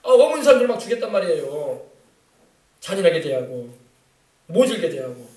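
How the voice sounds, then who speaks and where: A man's voice: on the high side, very animated, normal speed, dark tone, recorded from a distance. Emphatic male preacher in an echoey church. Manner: emphatic, colloquial preaching with rhetorical questions. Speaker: pastor. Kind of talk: sermon. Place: church sanctuary.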